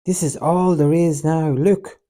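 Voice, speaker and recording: A man's voice: medium pitch, a little slow, dark tone, voice pushed up. A man reading an audiobook, voicing Judas, an anxious and defensive male disciple who pleads and wails. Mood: wailing. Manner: pleading, wailing.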